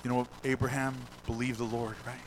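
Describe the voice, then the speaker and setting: A male pastor preaching a sermon in a church, moving from hushed storytelling to shouted exhortation. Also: medium pitch, little pitch movement, a little fast, background noise.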